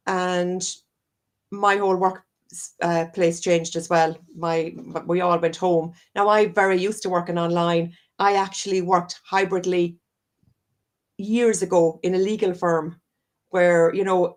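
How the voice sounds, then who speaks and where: This woman from Ireland has a voice on the low side, a little slow, with fairly even intonation. A wellness coach, she is being interviewed on a live-streamed video call and speaks earnestly and at great length, wandering and frequently correcting herself.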